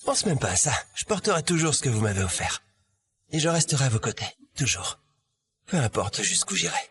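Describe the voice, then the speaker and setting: An actor dubbing a wronged young male athlete in a drama, indignant and pleading, with a husky voice. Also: mid-range voice, very animated, fairly quick, noisy background, natural voice. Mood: sad. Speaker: young rugby player Liam. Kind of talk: French-dubbed drama.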